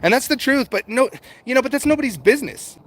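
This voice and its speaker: Voice very high-pitched and fairly bright, a middle-aged American man runs a casual livestream at a quick pace with lively intonation. He reads out comments and answers them in a rambling, repetitive, chatty way, with some swearing.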